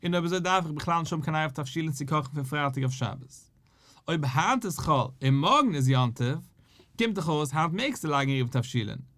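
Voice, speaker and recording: A man's voice: fairly high pitch, a little fast. A man with a Yiddish accent teaching a daily Talmud lesson, acting out the questions and answers of the sages. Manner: animated, acts out questions and answers between sages.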